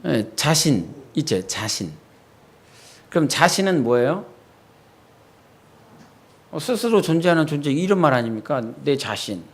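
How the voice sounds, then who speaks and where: A male pastor giving a midweek sermon in a church. He talks with the congregation, asks them quick questions, and goes soft and low when he quotes his own prayers. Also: sing-song. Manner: conversational preaching, quizzing the congregation with quick questions. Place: church sanctuary.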